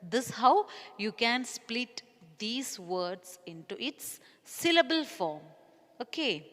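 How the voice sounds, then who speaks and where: Slow, bright-voiced teacher. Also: female voice, on the high side, big pitch swings, long reverb tail. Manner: slow, deliberate, spelling out syllables and calling listeners "dears". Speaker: primary school English teacher. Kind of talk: recorded classroom lesson for young children.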